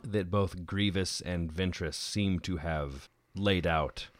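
A man's voice: sits low, no echo. A man co-hosting a podcast, agreeing eagerly and chatting about a TV show. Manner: enthusiastic, agreeable, quick laughs. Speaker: podcast co-host. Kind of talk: casual discussion.

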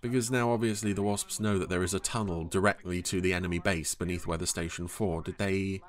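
A man's voice: low voice, steady tone, a little fast. A man giving casual, humorous commentary on an episode, with dry, hesitant asides.

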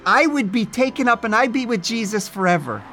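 A woman's voice: mid-range voice, expressive, a little fast, faint music behind, pitched above the performer's own voice, natural voice. A man voicing a devout woman friend who insists fervently and delivers dramatic warnings. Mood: insistent.

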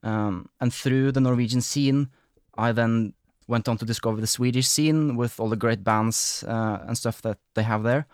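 A man's voice: medium pitch, steady tone, normal speed, few pauses, no room sound, clean studio sound. A man from Norway hosting a podcast interview, talking in a rambling, apologetic way with many fillers. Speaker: podcast host. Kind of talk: casual interview chat.

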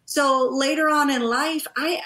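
A high, steady voice, a little slow, bright and forceful, belongs to this life and divorce coach. Born in Trinidad and relocated to the US around age eight, she appears as an interview guest and recounts personal stories effusively.

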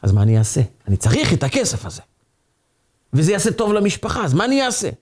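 A man's voice: sits high, wildly swooping pitch, a little mellow, breathy edge, voice pushed up, exaggerated voice. A man voicing a poor, earnest young boy who pleads in heartbreak as he tells a story. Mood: torn.

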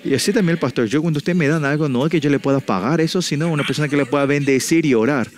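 A male pastor giving a sermon who keeps closing his phrases with a questioning "no?" and often stops to restart a sentence. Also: a little high. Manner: ends phrases with a questioning "no?" tag, halting restarts.

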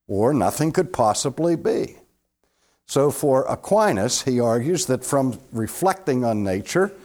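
Before a live audience, a man delivers a classroom theology lecture, putting questions to his listeners. He swings between loud emphasis and hushed, low asides.

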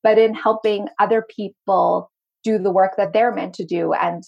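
Woman guest, mostly American with traces of a Zimbabwean accent, enthusiastic, husky, on muffled lo-fi audio. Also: medium pitch, fairly even intonation, moderate pace. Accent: light Zimbabwean and South African, mostly American. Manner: enthusiastic, earnest. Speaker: marketing coach and podcast guest. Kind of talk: casual podcast conversation.

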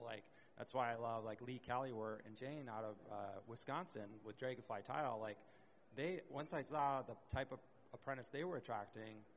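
A man's voice: mid-range voice, a little hiss or hum. Laid-back middle-aged male host. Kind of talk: casual panel talk.

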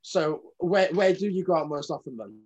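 A man's voice: a little high, animated, normal speed, a little mellow, dull audio. A young man hosting a casual podcast chat, moving the talk along with questions. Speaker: podcast host.

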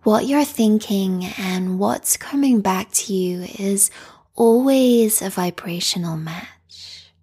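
A woman guides a meditation in a calm, meditative tone. Her voice is soft and whispery, full of breath. She speaks extremely slowly and soothingly, at a medium pitch. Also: husky.

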